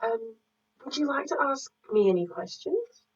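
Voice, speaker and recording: A timid, earnest young boy, as a teacher puts him on, stumbling over his words with a raised voice and breathy whispers. The sound is muffled and a little far from the mic. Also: fairly high pitch, lively intonation, faint music behind, voice pushed up. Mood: hesitant. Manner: hesitant, halting, breathy whispers.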